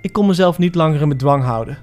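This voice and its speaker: A man reading a dramatic first-person horror story for a podcast, measured and tense. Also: on the high side, a little mellow, soft background music. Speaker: podcast narrator. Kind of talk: scripted horror story narration.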